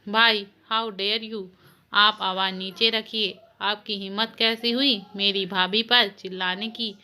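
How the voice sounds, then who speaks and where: A woman's voice: mid-range voice, steady tone, slow pace, bright, forceful tone. A woman voicing a protective young brother-in-law who speaks indignantly.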